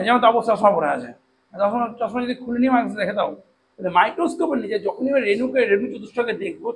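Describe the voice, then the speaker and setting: A man teaching a classroom biology lesson, slowly spelling out long terms and often checking that students follow. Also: sits high, a bit bright, slight background noise, low-quality recording. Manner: slow deliberate spelling out of terms, frequent check-ins. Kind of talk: classroom lecture.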